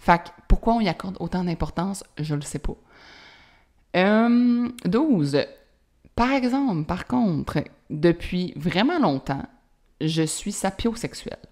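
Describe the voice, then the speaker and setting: A woman in her thirties with a Quebec French accent hosts a solo podcast, chatty and casual, full of fillers and English slang. Her voice is on the low side, expressive and darkish, and she speaks slowly.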